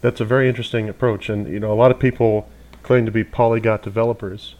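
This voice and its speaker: A man with a somewhat low voice hosting a conversational interview. He affirms the guest's points and checks in with tag questions before asking the next one. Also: little pitch movement, quick pace, a little mellow, muffled recording. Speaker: interviewer, host.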